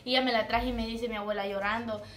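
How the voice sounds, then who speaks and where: A young woman with a Salvadoran accent, casually telling a family story and going quiet at the sad parts. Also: on the high side, reverberant, slight background noise. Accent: Salvadoran Spanish. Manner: quick, lively retelling, dropping to a hushed tone at sad parts.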